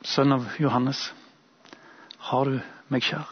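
A man voicing Jesus as a calm, gentle man asking slow, measured questions in a sermon retelling. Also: mid-range voice, muffled recording, a little hiss or hum, natural voice. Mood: searching.

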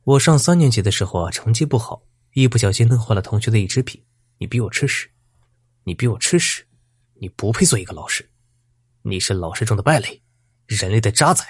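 A man's voice: lowish voice, lively intonation, brisk, breathy edge, no room sound, clean studio sound. A man voicing a sneering vengeful bandit. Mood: accusing. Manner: sneering, menacing taunts. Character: vicious vengeful male bandit, former student.

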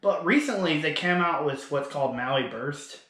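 A man's voice: a little high, expressive, moderate pace, a bit bright, echoey room. A young man co-hosting a podcast, talking in a chatty, easygoing way and laughing often. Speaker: podcast co-host. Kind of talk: casual chat.

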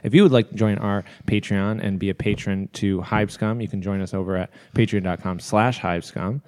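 A man's voice: on the low side, fairly even intonation, moderate pace, darkish tone. A man co-hosting a podcast in casual, informal chat, recorded in an echoey, bare room. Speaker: podcast co-host. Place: basement studio with wood floors and brick walls. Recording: echoey, unfurnished basement room.

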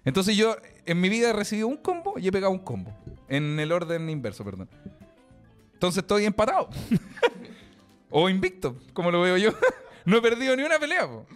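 A man's voice: high-pitched, sing-song, brisk, long pauses, fairly bright tone, soft background music. A young man with a Chilean accent, chatting casually as podcast co-host in crude slang, laughing often. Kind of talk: casual chat.

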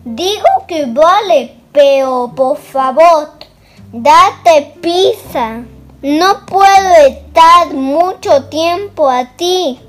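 A man voicing a huge, wicked, hungry male wolf with a speech defect, shouting in loud growls. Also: very high-pitched, expressive, extremely slow, exaggerated voice. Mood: impatient.

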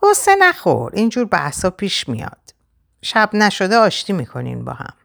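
A woman voicing a caring young female heroine in a storybook reading, gentle and coaxing, her voice lifted well above her narration. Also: medium pitch, huge pitch swings, gravelly, voice pushed up, full character voice.

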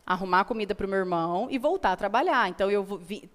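A woman's voice: mid-range voice, animated, fast. A Brazilian woman speaking as a motivational guest, telling personal stories in an earnest, emphatic way and repeating phrases for effect. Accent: Brazilian Portuguese. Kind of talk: motivational storytelling conversation.

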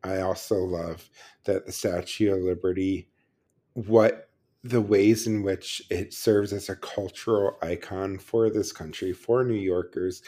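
A man's voice: on the low side, warm tone. A man co-hosting a podcast in casual chat, thoughtful and talky, with dry sarcastic asides. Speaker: podcast co-host.

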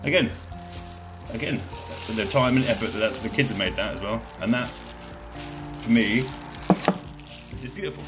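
Over loud music and poor audio, a British man hosts his own casual podcast alone, meandering, joking at himself and swearing freely. His voice is on the low side, and he takes his time, leaving long pauses.

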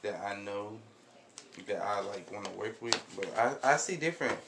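A man's voice: on the low side, lively intonation, normal speed, creaky, background noise. A man of twenty, a podcast guest, talking in a laid-back, hesitant way. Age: 20s. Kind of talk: casual podcast chat.

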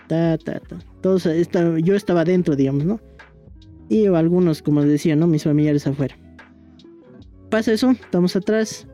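A man's voice: high-pitched, warm tone. A young man with a Bolivian Spanish accent, telling a personal story in a rambling, casual way, with many fillers and tag questions. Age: young adult. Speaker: young historian guest.

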